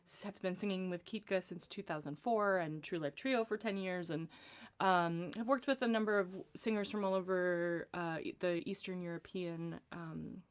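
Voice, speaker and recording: A woman from Los Angeles leading a livestream vocal warm-up lesson as a vocal coach, chatty and encouraging with lots of ums. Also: lowish voice, moderate pace, clean tone. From Los Angeles, USA.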